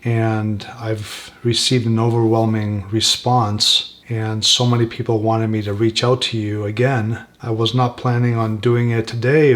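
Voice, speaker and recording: A soft-spoken man hosting a spirit box session, asking gentle questions slowly and leaving pauses for an answer. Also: mid-range voice. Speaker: paranormal investigator, host.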